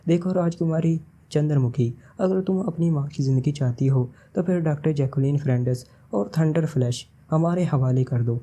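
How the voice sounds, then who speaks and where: A man's voice: fairly high pitch, few pauses, warm tone. A man reading the part of a stern male secret agent who speaks in a cold, serious tone.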